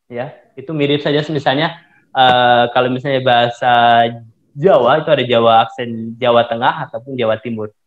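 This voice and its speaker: A man's voice: mid-range voice, steady tone, normal speed. Man lecturing over echoey, dull call audio. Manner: explains patiently, mixes English terms into Indonesian. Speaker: invited speaker answering questions. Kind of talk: explanatory lecture answer.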